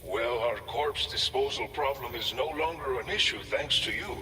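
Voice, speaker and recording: An actor playing an earnest, grateful outpost staffer in a video game, speaking in a measured, formal way from a distance with reverb. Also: male voice, mid-range voice, a crowd in the background, natural voice. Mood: earnest, concerned. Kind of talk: scripted video game dialogue. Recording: distant, long reverb, faint noise.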